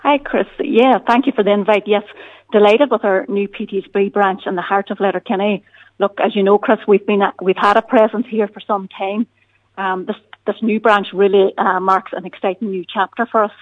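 A woman's voice: medium pitch, fairly even intonation, moderate pace. A woman with a Donegal Irish accent answering as a radio interview guest, often dropping in "you know" and "look". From County Donegal, Ireland. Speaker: bank territory manager, interview guest. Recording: tinny phone-line sound.

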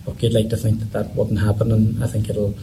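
A man with an Irish accent from Donegal speaks very quickly in a low-key, even tone, as a team manager in an interview. He often repeats phrases, and there is some background noise. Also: creaky. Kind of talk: post-match interview talk.

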